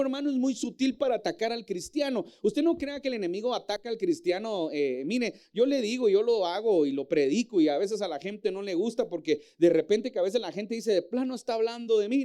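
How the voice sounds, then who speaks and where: Middle-aged male pastor, high mellow voice, emphatic sermon delivery. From Guatemala. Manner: emphatic, calls out to the congregation.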